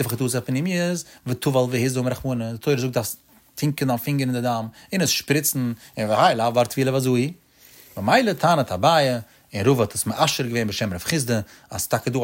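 A man giving a traditional Talmud study lecture, in a sing-song, emphatic delivery with animated rises. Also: mid-range voice, a little fast. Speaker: Talmud teacher.

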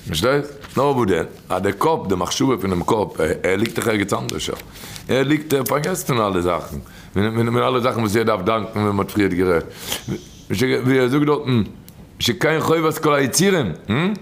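Gravelly-voiced man giving a storytelling sermon. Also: lively intonation, moderate pace, slight background noise. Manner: repetitive, emphatic, with sudden rises and drops in pitch.

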